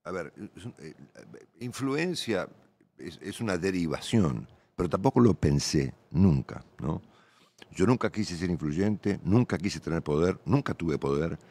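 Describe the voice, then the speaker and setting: Very deep-voiced Argentine man rambling. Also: expressive, measured pace, darkish tone. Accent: Argentine Spanish. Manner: colloquial, rambling, frequent tag questions. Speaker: veteran radio journalist, guest. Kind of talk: casual interview talk.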